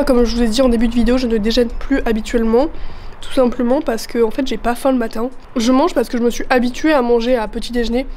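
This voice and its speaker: A young woman in her twenties vlogs casually at home, spending part of the time out on a terrace, upbeat and full of fillers even though a chest cold has worn down her voice. Her voice is fairly high and a little mellow, with slight background noise.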